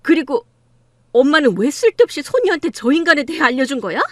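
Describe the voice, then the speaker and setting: A woman's voice: high voice, big pitch swings, a little fast, dry recording. A woman voicing a hurt, indignant mother in her fifties in an audiobook drama reading, talking with a pleading, reproachful edge. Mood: upset. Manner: pleading, then fiercely indignant.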